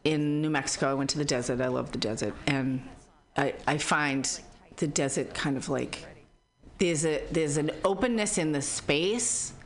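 A woman's voice: deep voice, normal speed, a little hiss or hum. A woman in her fifties with a Boston accent, talking candidly and reflectively as an interview guest, earnest and a bit blunt. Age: 50s. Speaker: interview guest, psychologist and spiritual teacher. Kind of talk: conversational, reflective interview talk.

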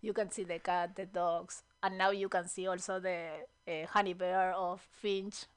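A woman with an Argentine accent, a native Spanish speaker, chatting casually as a radio guest with enthusiastic, halting phrasing. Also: lowish voice, flat delivery, clear, resonant tone. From Buenos Aires, Argentina. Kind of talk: casual chat. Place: radio studio booth.

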